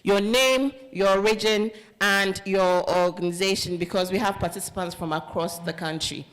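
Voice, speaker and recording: A woman's voice: medium pitch, steady tone, moderate pace, low-quality recording. A woman moderating a public forum, speaking with energy into a handheld mic and leading the audience in call-and-response. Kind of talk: opening remarks at a public forum. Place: conference hall with a seated audience. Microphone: handheld microphone.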